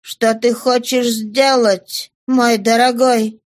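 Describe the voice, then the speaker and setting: A woman voicing a worn-out, downtrodden mother who speaks slowly and hollowly, dragging each word, in an audiobook reading. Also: on the high side, little pitch movement. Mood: strained.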